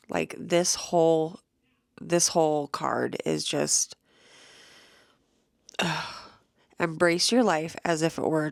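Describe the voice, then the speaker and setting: Worn out woman vlogging w/ a raspy crackly voice, kinda low and slow, drops to whispers sometimes. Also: no echo, studio quality. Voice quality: crackly, gravelly voice. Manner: tired, slow, at times dropping to a whisper. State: exhausted and sleepless. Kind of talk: casual personal vlog, reading an affirmation card aloud.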